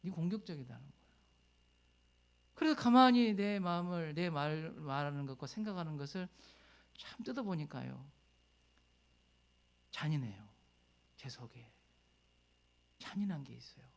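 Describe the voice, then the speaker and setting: A male pastor preaching a sermon, telling a personal story in a conversational way, rising to loud emotional peaks and dropping to near whispers. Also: a little high, animated, normal speed, creaky, pauses often.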